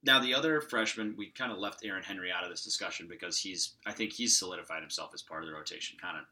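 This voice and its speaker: A man's voice: low-pitched, quick pace, bright, forceful tone. A man co-hosting a sports podcast, breaking down a team's rotation in casual chat with frequent fillers. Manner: analytical, lots of hedging fillers. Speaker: podcast co-host.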